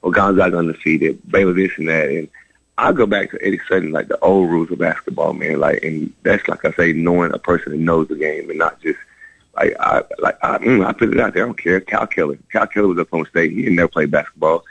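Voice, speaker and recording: A man's voice: deep voice, fast talker, creaky, dry recording, poor audio. A man, a former player, telling long stories in a radio interview with lots of restarts. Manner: rambling, animated, many restarts. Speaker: former college basketball player, guest.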